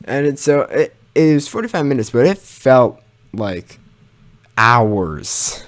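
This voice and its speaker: This gaming channel storyteller is a young man who shares a personal tale casually and informally, cursing mildly and making fun of himself. His medium-pitched voice is very animated, though he talks slowly.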